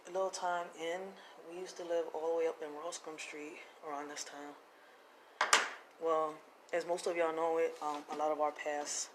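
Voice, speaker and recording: Speaking to camera in a low-pitched voice, a Puerto Rican woman raised in Philadelphia gives a personal testimony about her hard life, confessional and plainspoken with casual slang. The recording is low quality, with slight background noise.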